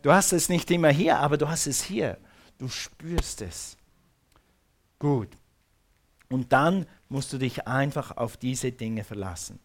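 A man's voice: medium pitch, measured pace. A man preaching a sermon, fervent and repetitive, calling on the congregation to repeat words after him. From Switzerland.

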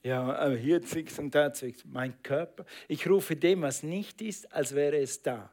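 A man's voice: on the high side, measured pace, darkish tone. A man preaching a sermon, stressing and repeating phrases and calling on the congregation to answer back. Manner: emphatic, repeats phrases, calls on congregation to respond.

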